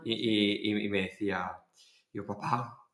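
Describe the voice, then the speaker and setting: A man's voice: mid-range voice, brisk. A man from Spain with a Murcian accent, a guest singer telling stories in a casual podcast interview and acting out voices as he goes. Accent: Murcian Spanish. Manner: animated anecdote-telling, acting out voices with laughs. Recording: echoey room.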